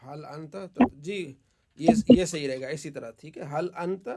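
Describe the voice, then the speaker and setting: A male teacher runs an online grammar lesson over a video call. He guides his students patiently, corrects their answers and praises them often. His voice sits a little high for a man. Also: a crowd in the background. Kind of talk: online Arabic grammar class.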